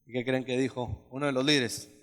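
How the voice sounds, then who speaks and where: A man preaches fairly quickly in a steady tone, his sermon echoing with hall reverb in a church hall. Emphatic and conversational, he keeps questioning the congregation and alternates loud high exclamations with low asides.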